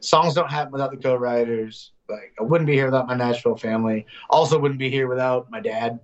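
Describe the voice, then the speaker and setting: A man in his thirties, a songwriter guest, telling casual, animated stories in an interview. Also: mid-range voice, dull audio. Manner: animated, loose storyteller, slips into quick voices.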